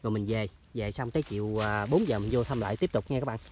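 A man talks quickly and steadily as he walks through rural orchards and along canal banks. He speaks straight to his viewers in a chatty, casual way. Clear outdoor noise runs behind his voice throughout the recording. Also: lowish voice, a little mellow. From southern Vietnam. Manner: chatty, addresses viewers constantly. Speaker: trapping vlogger. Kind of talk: casual outdoor vlog narration. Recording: noisy outdoor field recording.

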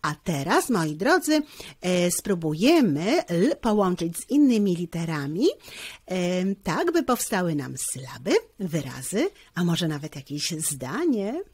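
Woman teaching handwriting, lively pitch. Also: slightly rough, no echo. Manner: slow, step-by-step instruction with frequent hesitation fillers. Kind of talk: handwriting lesson for children.

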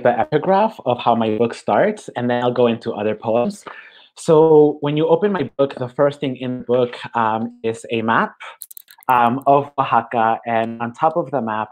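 A poet from Mexico reading their work at a live online reading, excited and laughing between poems and slipping into Spanish phrases. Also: medium pitch, low-quality recording. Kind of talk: poetry reading.

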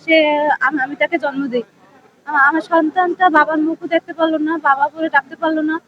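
A young Bangladeshi woman giving bereaved testimony as a halting, repetitive plea. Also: high voice, fairly even intonation. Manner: halting, repeating words. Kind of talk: emotional plea to camera. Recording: dull lo-fi audio, music behind.

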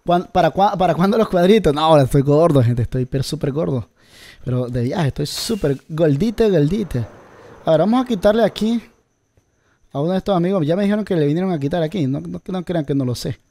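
A man's voice: on the high side, lively intonation, quick pace, warm tone, dry recording. A man giving casual gameplay commentary, talking straight to his viewers and searching aloud for words. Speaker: gameplay video creator.

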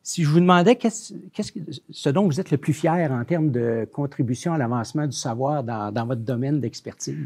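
A man's voice: medium pitch, normal speed, few pauses, darkish tone. Enthusiastic man hosting. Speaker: interview host. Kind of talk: conversational interview.

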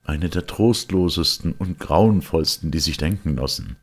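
A man voicing an excitable, gloomy male time traveller in an audiobook, speaking with raised, urgent insistence. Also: very deep voice, unhurried, breathy edge, voice pushed up, full character voice. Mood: agitated. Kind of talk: audiobook character reading.

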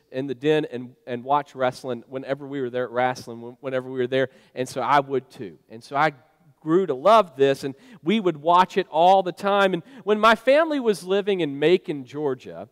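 Man preaching a casual sermon, smooth voice. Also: a little high, normal speed. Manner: conversational storytelling with fillers. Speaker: pastor. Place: church sanctuary. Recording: long church reverb.

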